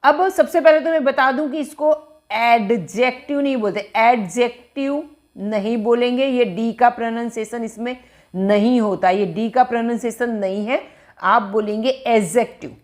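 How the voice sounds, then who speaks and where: A woman's voice: a little high, darkish tone. A woman teaching English grammar in Hindi, explaining each term and checking understanding with repeated questions. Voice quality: slow, careful reading of English example sentences. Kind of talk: grammar lesson.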